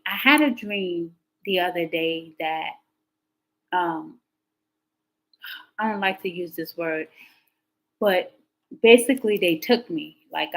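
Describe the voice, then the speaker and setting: On a live tarot stream, a female host chats informally with the audience, spinning meandering tales and rising sharply in pitch when she gets worked up. The audio quality is poor.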